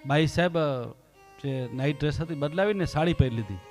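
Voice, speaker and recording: A man's voice: on the high side, fairly quick, faint music behind. Man telling devotional stories. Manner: acts out story voices, swings from quiet to loud pleading. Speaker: religious storyteller. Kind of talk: devotional storytelling discourse.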